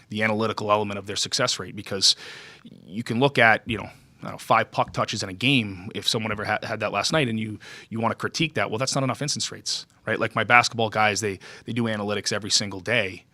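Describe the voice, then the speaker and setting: A man's voice: fairly low pitch, fairly even intonation, fast, bright, forceful tone, dry recording. A man speaking as a hockey coach at a press conference, earnest and emphatic, often checking that listeners follow. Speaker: hockey skills development coach.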